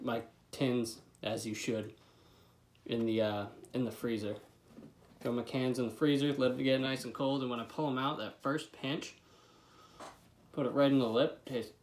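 A young man in his twenties, with a mid-range voice and a lip full of dip, records a laid-back product review vlog at a desk in a small bedroom. He swears freely, and there's a little hiss or hum on the recording.

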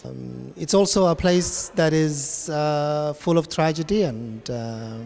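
A man who grew up in Somalia giving thoughtful, deliberate interview answers with many pauses. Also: fairly high pitch, creaky, darkish tone, big-room sound.

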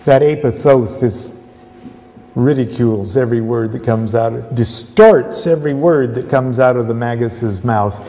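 Slow, dark-voiced man lecturing. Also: mid-range voice, big-room sound. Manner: halting, repetitive, with restarts. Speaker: esoteric lecturer. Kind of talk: rambling spoken lecture.

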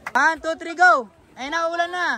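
A woman's voice: very high-pitched, normal speed, background noise. A woman from the Philippines on a group beach trip, teasing her friends and urging them on as she counts down their jumps. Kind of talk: casual banter. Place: outdoors at a beach lagoon. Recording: group shouting outdoors.

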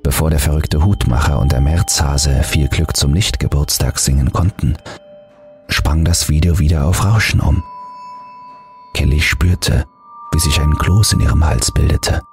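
Very deep-voiced man narrating horror. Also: a little mellow. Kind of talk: scripted horror audiobook narration.

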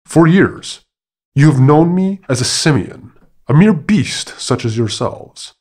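A man's voice: a little high, animated, slow pace, a little mellow, voice pushed up. A man voicing a boastful male monkey who proclaims himself a man, speaking in a grandiose, declaiming manner.

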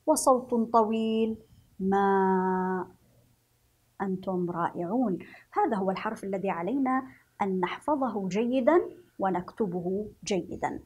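A Yemeni woman teaching a children's reading lesson, speaking slowly and encouragingly and stretching out letter sounds. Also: fairly high pitch, husky. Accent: Yemeni Arabic. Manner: slow, sing-song, encouraging, drawn-out letter sounds.

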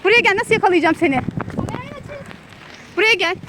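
A woman's voice: very high voice, lively intonation, fairly quick. A mother filming her children outdoors, calling after them, scolding and laughing in a casual family vlog. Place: outdoors in a park or picnic area. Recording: noisy outdoor phone recording.

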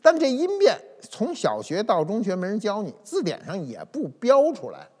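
Male commentator, teacherly, sounds out examples, wide lively intonation, husky edge. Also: high-pitched, moderate pace. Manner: didactic, demonstrates pronunciations aloud. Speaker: cultural commentator. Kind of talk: explanatory talk-show monologue. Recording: reverberant room with faint music.

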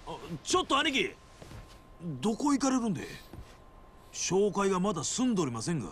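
An actor voicing a brash middle-aged yakuza boss in a video game, with gruff, bossy yakuza speech in a Hiroshima accent. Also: male voice, sits high, wildly swooping pitch, fairly quick, a bit bright, slight background noise, exaggerated voice. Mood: fawning, eager. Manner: gruff bossy dialect, fawning toward his sworn brother.

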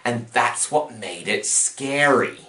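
A sarcastic, exasperated man hosts a comedic review, his pitch swinging widely as he rants. He sits in an ordinary middle range, and the room around him is noticeably echoey. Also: expressive, takes it slowly. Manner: sarcastic, exasperated, rising to shouts. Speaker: host and reviewer. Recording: roomy echo.

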